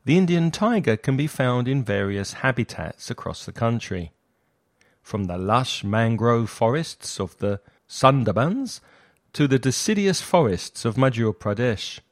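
A man's voice: medium pitch, lively intonation, unhurried, dry recording, clean studio sound. A man reading scripted narration in the style of a nature documentary.

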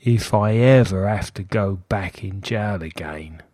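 Man acting as anonymous hitman, disguised deep voice, slow deliberate delivery, matter-of-fact scripted confession, very dry close sound. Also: dark tone, no echo. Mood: guarded, matter-of-fact. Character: anonymous male professional hitman telling his story, matter-of-fact. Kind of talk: scripted first-person monologue.

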